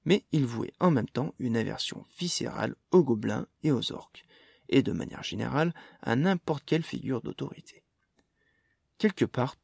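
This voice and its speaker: Male narrator, gravelly voice, dry close recording, fantasy audiobook. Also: medium pitch, a little mellow, no echo.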